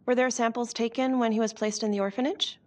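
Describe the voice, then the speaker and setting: An actress playing a calm, formal district attorney who asks probing questions in a game. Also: female voice, a little high, fast, natural voice. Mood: measured. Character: composed female district attorney. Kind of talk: game voice acting.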